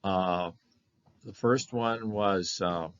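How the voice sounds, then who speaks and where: An older man presenting a slide lecture on his family history, halting often with fillers and restarts. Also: low-pitched, clear, resonant tone. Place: meeting room of a historical society. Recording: dull lo-fi lecture recording.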